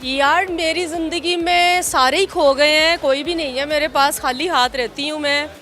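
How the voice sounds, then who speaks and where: A woman guest on a comedy chat show, giggly and quick-witted in her banter. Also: high voice, steady tone, sharp tone, faint music behind.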